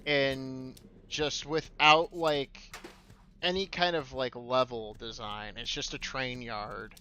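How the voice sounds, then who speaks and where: A man's voice: mid-range voice, steady tone, takes it slowly, sharp tone, a little hiss or hum. A young man streaming a shooter game, complaining and swearing as he plays. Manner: profane, complaining, sardonic. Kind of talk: casual gameplay commentary.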